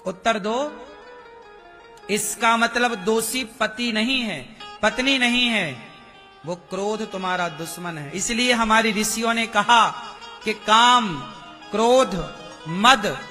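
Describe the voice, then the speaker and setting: A man giving a religious discourse, slowly questioning his listeners and acting out quoted speech. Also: high-pitched, bright, forceful tone, faint music behind. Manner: slow, questioning the audience, acts out quoted speech. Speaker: preacher.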